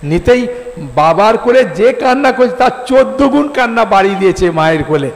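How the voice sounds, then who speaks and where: A man giving a devotional sermon, telling a story with lively acted-out voices for the people in it. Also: brisk. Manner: animated storyteller, acting out quoted voices with rising pitch. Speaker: preacher. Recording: long hall reverb.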